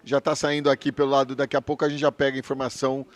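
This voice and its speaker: A man's voice: mid-range voice, level tone, rapid-fire, no room sound. A man with a Brazilian accent reporting live on a football match as the sideline reporter.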